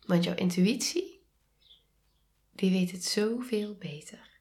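A woman with a Dutch accent hosting a reflective solo podcast, speaking calmly and softly and often dropping into a whisper. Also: mid-range voice. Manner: slow, calm, soft-spoken, drops to whispers. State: sneezing. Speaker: podcast host and coach.

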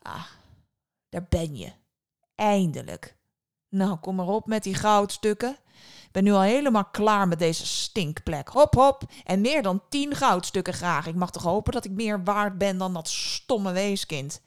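Lady putting on a bitter greedy old woman, loud and sneery, always impatient, storybook villain vibe. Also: on the low side, steady tone, moderate pace, close to an everyday voice. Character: bitter greedy older woman, scornful and demanding.

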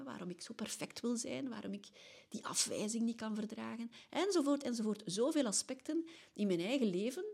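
A middle-aged woman speaks with a Flemish accent, her voice a little husky and breathy at the edges. She talks earnestly in a reflective solo podcast monologue. She keeps tagging her phrases with a soft questioning check-in. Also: mid-range voice. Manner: earnest, often ends phrases with a questioning tag. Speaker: podcast host.

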